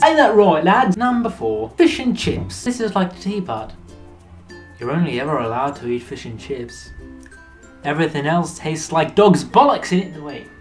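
A vlogger giving a sarcastic comedic monologue, jumping between loud mock-enthusiastic bursts and low muttered asides, recorded indoors. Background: faint background music.

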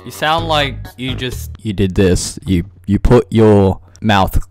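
A man's voice: on the low side, expressive, slow, darkish tone, soft background music. A man hosting a casual gaming chat, sarcastic and teasing, rambling as he talks into a desktop USB mic. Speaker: gaming YouTuber host. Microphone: desktop USB condenser mic.

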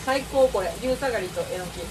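A woman's voice: fairly high pitch, brisk, distant mic. A woman chatting casually with her mouth full, chewing as she playfully exclaims over her food at home. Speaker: mukbang streamer. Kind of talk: casual eating chat. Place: home, indoors, cooking at a tabletop grill. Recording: loud sizzling grill noise.

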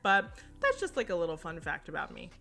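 A woman's voice: deep voice, wildly swooping pitch, a little fast, creaky, bright, forceful tone. A young woman narrating a casual home decor shopping vlog, chatty and upbeat, with plenty of fillers and little asides. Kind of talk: casual shop-with-me voice-over.

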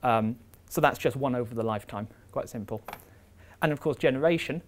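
A man's voice: mid-range voice, fairly quick. A young man giving an academic seminar in a lecture room, explaining step by step with frequent ums and uhs. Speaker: visiting researcher giving a seminar.

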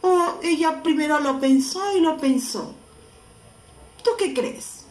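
A woman's voice: high voice, slow pace, darkish tone, reverberant. A woman primary school teacher with a Peruvian Spanish accent, teaching young children patiently and drawing out sounds for them to repeat. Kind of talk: recorded lesson for young children.

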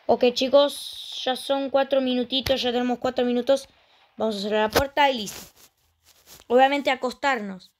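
A woman's voice: sits high, steady tone, normal speed, a little hiss or hum. A woman with a Rioplatense Spanish accent, chatting casually through a let's play and exclaiming often. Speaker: gaming channel host.

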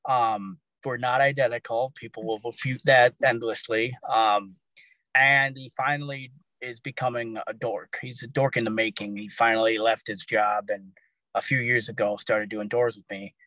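A man's voice: medium pitch, fairly even intonation, normal speed, sharp tone, no echo, low-quality recording. A man guesting on a casual show, easygoing and rambling, with many fillers. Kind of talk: casual interview chat.

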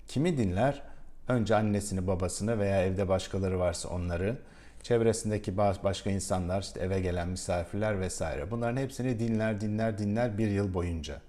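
A man's voice: fairly low pitch, darkish tone. A male English teacher giving a spoken lesson, explaining step by step with rhetorical questions. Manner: slows down to model English pronunciation.

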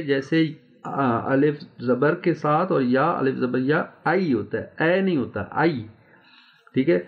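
A man's voice: fairly high pitch, lo-fi sound. A man teaching Quran recitation in an online lesson, patiently drawing out sounds and checking in with his students. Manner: patient, repeats sounds slowly and checks in often.

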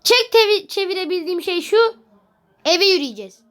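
A woman giving casual gameplay commentary, excitable, exclaiming and muttering at the game and laughing at her own mishaps. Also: extremely high pitch, a little fast. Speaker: gaming video creator.

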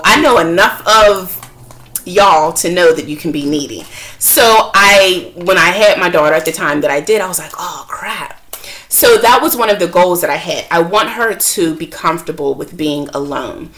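Frank, chatty woman with a lowish voice. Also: a little fast. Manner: chatty, frank and expressive, acting out quoted voices. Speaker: self-help vlogger and mother. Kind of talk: candid talk to camera.

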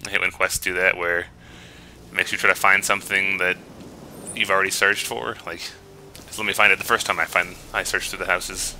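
A man's voice: low voice, flat delivery, a little fast, pushed and bright, a little hiss or hum, low-quality recording. A man giving casual, jokey let's play commentary, teasing the game and exclaiming as he goes. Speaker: gaming host. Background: video game sounds.

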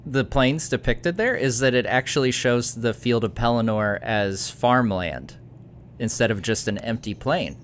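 A man's voice: medium pitch, unhurried, slight background noise. A man hosting a casual card game chat, thinking aloud as he shares book lore he loves. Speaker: channel host.

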